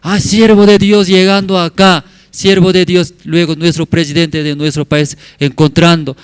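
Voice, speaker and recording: A man's voice: fairly high pitch, expressive, a little slow, smooth, dry recording, voice pushed up. A man voicing a tearful woman church member who pleads emotionally. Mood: pleading.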